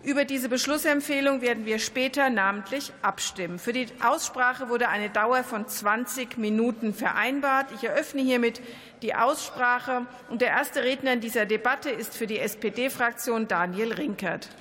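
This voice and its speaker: Brief: female parliamentary chair, slightly high voice, procedural announcements, hall reverb with faint noise. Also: fairly bright tone. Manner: measured, procedural. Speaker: presiding officer of parliament. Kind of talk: formal chairing of a debate. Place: large parliament chamber.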